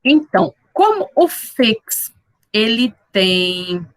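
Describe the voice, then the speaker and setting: A woman teaching an English class online, with slow explanations, repeated model words and frequent checks with her students. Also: on the high side, very animated, no room sound, poor audio. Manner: checks in with the class often with tag questions.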